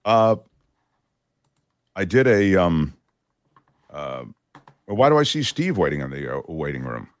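Casual male host, fairly low and very animated, dry booth sound, loose digressive delivery. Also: unhurried, pauses often, no echo. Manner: chatty, digressive, many fillers. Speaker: talk show host. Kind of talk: casual political commentary.

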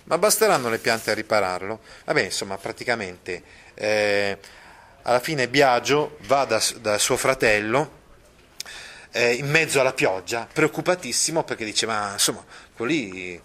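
A man giving a literature lesson, reading passages aloud and explaining them patiently, with many drawn-out fillers. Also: medium pitch, animated, a bit bright. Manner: explains patiently, checks in with listeners. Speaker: literature teacher.

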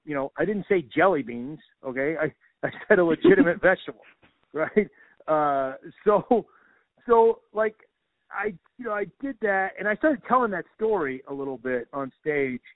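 A Midwestern male stand-up comedian chats casually over the phone, rambling and poking fun at himself with lots of restarts. His fairly high voice has lively intonation at a normal speed, and the dry, tinny phone line carries no room sound.

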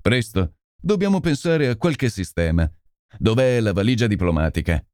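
A man voicing a brisk, commanding male detective who gives urgent orders, in an audiobook reading. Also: lowish voice, sing-song, darkish tone, clean tone, no echo, clean studio sound. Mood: urgent commands. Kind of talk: audiobook character voice.

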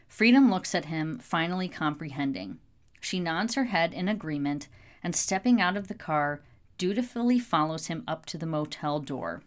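A woman reading an audiobook in steady scripted narration. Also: fairly low pitch.

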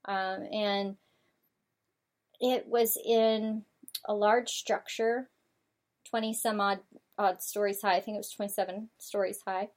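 A woman from the United States hosting her own talk show, rambling through her thoughts with many fillers and restarts. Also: mid-range voice. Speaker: show host. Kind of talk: casual talk show monologue.

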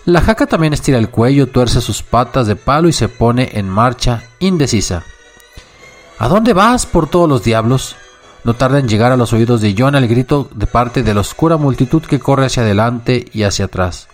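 A man narrating a literary short story in a measured, unhurried reading. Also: medium pitch, soft background music.

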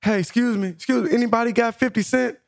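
A man voicing a rowdy woman on a late-night street who yells at passersby. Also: on the high side, quick pace, creaky, dry recording, clean studio sound, pitched above the performer's own voice.

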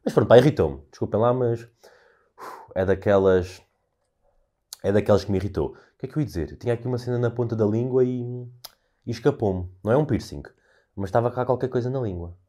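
A young man with a European Portuguese accent hosting a solo podcast, telling stories in an animated, ranting way and swearing freely. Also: mid-range voice, quick pace. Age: young adult. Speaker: podcast host. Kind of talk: casual solo podcast monologue.

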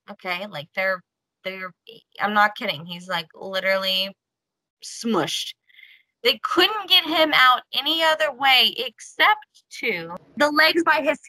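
A woman's voice: a little high, sharp tone, no echo, poor audio. A woman hosting a casual talk show, telling a story with many fillers and acting out the quotes. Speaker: podcast host.

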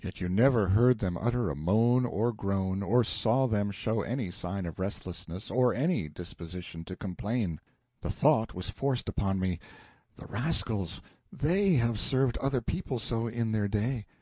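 A man reads a literary novel aloud for an audiobook in a slightly husky, lowish voice. His storytelling is measured and expressive, and there is no echo.

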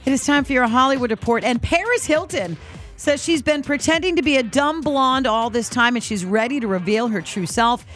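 High-voiced woman hosting pop morning radio. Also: lively intonation, brisk, a bit bright. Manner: upbeat, conversational. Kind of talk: pop radio presenting, chatty banter and news reads. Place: radio studio. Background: faint music bed.

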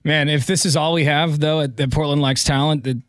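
A man's voice: on the high side, steady tone, brisk, fairly bright tone, dry recording, studio quality. Upbeat male morning radio host. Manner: upbeat, joking. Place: radio studio. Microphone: studio mic.

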